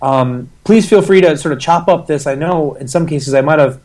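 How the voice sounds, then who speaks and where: A man's voice: fairly high pitch, normal speed, darkish tone. A man with a scratchy, sick voice, a guest rambling through a podcast interview with many restarts. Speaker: guest, agency founder.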